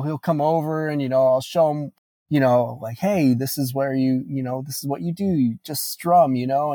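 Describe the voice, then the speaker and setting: An earnest man in his late twenties talks as a guest in a casual interview, reflective and full of "you know" fillers. His voice sits at a middle pitch, and the recording is dry and close. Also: darkish tone, no echo. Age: late 20s. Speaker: guest musician.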